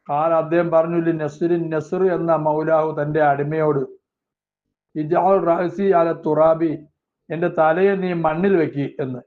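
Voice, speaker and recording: A man teaching a religious text class. He reads Arabic phrases slowly, then explains each one quickly. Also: fairly high pitch. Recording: tinny phone-like lo-fi sound.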